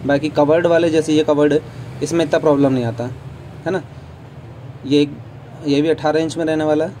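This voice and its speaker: Chatty man touring an expo, mellow voice. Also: on the high side, little pitch movement, fairly quick, a little hiss or hum, rough recording. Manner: chatty, addresses viewers as friends, opinionated asides. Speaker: vlogger touring a trade show stall. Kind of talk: casual walkthrough vlog. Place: busy indoor trade show hall. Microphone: phone camera held while walking.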